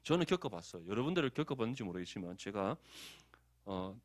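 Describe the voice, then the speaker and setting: A pastor from Daegu, South Korea, with a Gyeongsang accent, preaches a conversational, animated sermon and asks the congregation for agreement. His voice is on the low side and fast, recorded with clean studio sound and no room sound.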